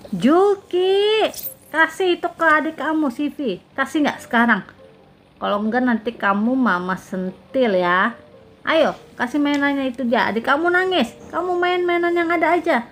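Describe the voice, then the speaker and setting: A woman's voice: sits high, a bit bright, a little hiss or hum. A young woman voicing a stern, scolding mother in a toy game role-play. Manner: scolding, bossy, quick to threaten.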